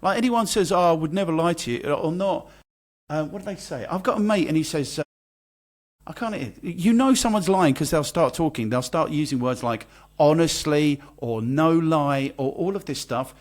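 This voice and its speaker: A man co-hosting a casual podcast, his voice sitting a little higher than most. He talks in exasperated, sweary rants, piling on rhetorical questions. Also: expressive, normal speed. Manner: exasperated, ranting, swears freely. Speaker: podcast co-host. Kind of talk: casual chat.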